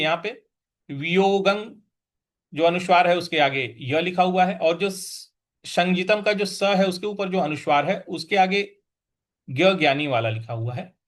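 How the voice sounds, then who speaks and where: A man teaching a scripture verse, patiently breaking down its pronunciation syllable by syllable and chanting the lines slowly. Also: high voice. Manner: chants verses in a drawn-out, sung tone. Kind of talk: slow recitation lesson.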